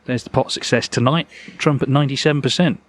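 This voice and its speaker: A man's voice: mid-range voice, steady tone, fast talker. A man giving live snooker commentary as a match commentator. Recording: loud crowd and arena noise.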